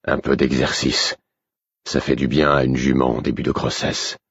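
A man voicing a stern, loyal older stablemaster who speaks curtly and gruffly. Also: very deep voice, level tone, moderate pace, a bit bright, no echo, highs cut off, voice pushed down, exaggerated voice. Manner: curt, gruff.

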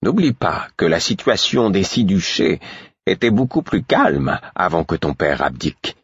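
A weary older mentor speaks with patient, measured calm, as a male audiobook reader puts him on. His voice is deep and husky, and his pace is slow. The recording is dry and close. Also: no room sound, lo-fi sound, exaggerated voice.

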